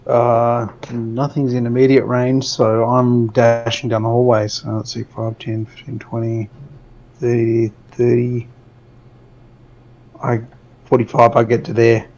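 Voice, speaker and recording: A man's voice: mid-range voice, completely flat delivery, unhurried, darkish tone, lo-fi sound. A man playing a tabletop game, thinking aloud as he counts out his movement and checks the rules. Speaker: player. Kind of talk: casual tabletop game chat.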